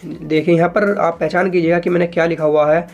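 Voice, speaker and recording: A man teaching a shorthand lesson to viewers, speaking casually and patiently, slowly repeating example sentences and often checking that his viewers follow. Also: fairly high pitch, fairly even intonation, darkish tone, faint music behind. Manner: addresses viewers as friends, frequent "ठीक है".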